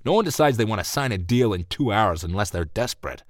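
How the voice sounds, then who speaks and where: A man's voice: on the low side, animated, fast talker, no echo, clean studio sound, close to an everyday voice. A man doing a cool, smug hustler. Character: adult male hustler, cool and confident.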